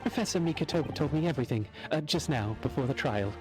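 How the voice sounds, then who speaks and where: A man's voice: mid-range voice, lively intonation, fast talker, voice pushed up, close to an everyday voice. A man voicing a nervous, slightly snotty young male lawyer who stammers when flustered, over game music.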